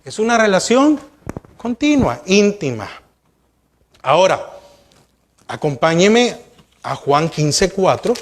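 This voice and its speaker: A man's voice: high voice, sing-song, slow pace, long pauses. A man preaching a sermon as pastor, asking his congregation rhetorical questions and speaking to them directly. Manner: addresses listeners directly, urging them to look and listen.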